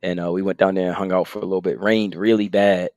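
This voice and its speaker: Teasing young man, dry lowish voice. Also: fast talker, no room sound. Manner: teasing, slangy, animated. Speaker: podcast co-host. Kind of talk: casual chat.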